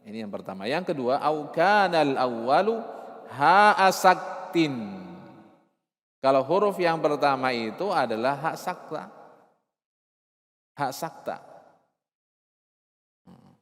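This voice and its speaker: A man teaching recitation rules, explaining with rhetorical questions and repeating key terms, sometimes slowly chanting verses. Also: on the high side, sing-song, a bit bright, in a large hall. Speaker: Arabic and Quran recitation teacher.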